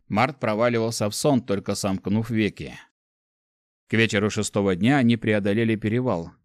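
A man reading a fantasy audiobook as narrator, in an even, measured storytelling manner. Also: medium pitch, no echo, clean studio sound. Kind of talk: scripted narration.

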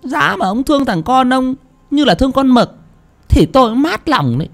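A sharp-tongued older village wife played by a man scolds with a very high, lively voice. She speaks with a dismissive bite. Faint music plays under her. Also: moderate pace, gravelly, full character voice. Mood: scolding.

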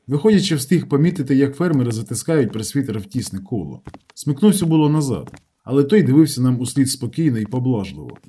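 A man reading a novel aloud as a steady first-person narrator. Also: medium pitch, a little hiss or hum. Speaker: audiobook narrator.

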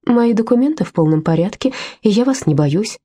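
A woman reading the lines of a calm, defiant young servant girl in an audiobook, speaking steadily and cuttingly. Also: medium pitch, brisk, breathy edge, voice pushed up.

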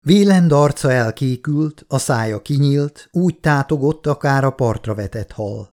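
A man narrating a novel as an audiobook, with a middle-pitched voice. His reading is measured and steady, building tension through careful pacing. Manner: measured, dramatic storytelling. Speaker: audiobook reader. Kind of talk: scripted narration.

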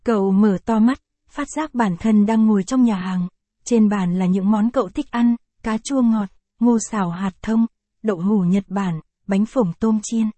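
A woman narrating an audio novel in a steady, even storytelling manner. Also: mid-range voice, no room sound.

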